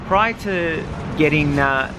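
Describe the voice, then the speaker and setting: A man's voice: fairly high pitch, slow pace. A man with an Australian accent, casually and frankly telling his own story as a vlogger, swearing freely. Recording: noisy with vehicle hum behind.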